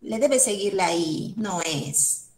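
Slow, patient woman in an echoey room. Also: medium pitch, lively intonation. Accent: Peruvian Spanish. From Peru. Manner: slow, patient, thinks aloud step by step. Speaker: museum educator. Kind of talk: online class, guiding a word search.

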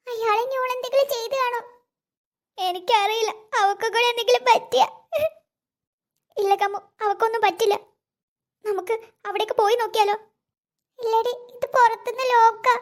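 Scared little cartoon girls, in a very high, piping voice. They chatter in an anxious, fretful way. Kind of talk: cartoon voice acting.

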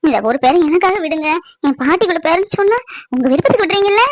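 A woman's voice: very high voice, lively intonation, fast, noisy background. A woman voicing a young mother in a cartoon, soothing a crying baby and complaining to her husband. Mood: resentful. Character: young mother, then a sulking wife. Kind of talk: cartoon voice acting.

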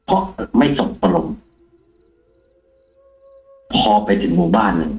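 A man, a taxi driver, telling a ghost story in a casual, animated way on a live show. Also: deep voice, unhurried, echoey room, lo-fi sound, faint music behind. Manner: animated, acts out the quoted lines himself.

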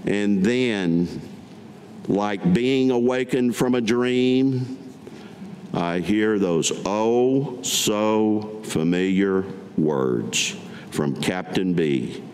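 An older veteran from Kentucky reads his own autobiographical writing aloud from a podium in a public meeting room, speaking slowly in a low, darkish voice. His staged reading is picked up by a gooseneck podium mic, and the hall is echoey with background noise.

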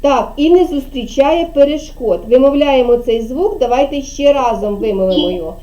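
A woman teaching young children in a kindergarten classroom, speaking slowly and patiently and drawing out her words. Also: high-pitched, dark tone, highs cut off. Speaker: preschool teacher.

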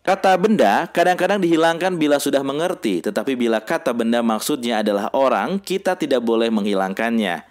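Man teaching in a calm, measured voice. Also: medium pitch, soft background music. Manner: reads sample sentences slowly and deliberately. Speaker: language teacher. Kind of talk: scripted lesson narration.

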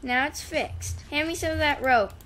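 A woman's voice: high-pitched, normal speed, sharp tone, slight background noise. A woman hosting a casual gaming session, playful and bossy with her co-players. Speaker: host.

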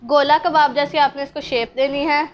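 A woman with a Pakistani Urdu accent hosting a cooking channel, narrating a recipe step by step in a calm, instructive way and addressing viewers directly. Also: sits high, normal speed. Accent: Urdu-speaking Pakistani. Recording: dull lo-fi sound, faint room ambience.

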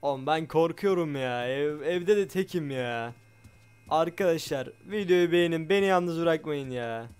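A man giving excitable let's play commentary on a game, loud and jumpy, swearing often and talking straight to his viewers. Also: a little high, a little slow, clean tone. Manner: loud, shouts a lot. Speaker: gaming YouTuber.

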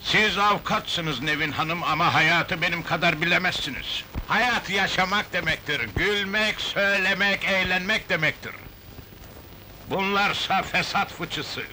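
An actor playing a carefree, defiant wealthy old father who laughs loudly and talks theatrically in a 1970s film. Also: sits high, unhurried, slight background noise, full character voice, poor audio. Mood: boisterous.

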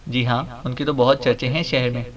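A man's voice: medium pitch, fairly even intonation, recorded from a distance, highs cut off, natural voice. A man reading an audiobook voices a polite junior officer who speaks respectfully.

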